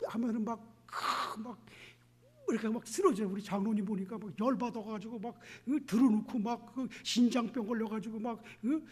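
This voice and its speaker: A male pastor preaching an evening church sermon, asking the congregation questions and answering them himself, dropping to near-whispers and rising to loud exclamations. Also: extremely high pitch, breathy edge.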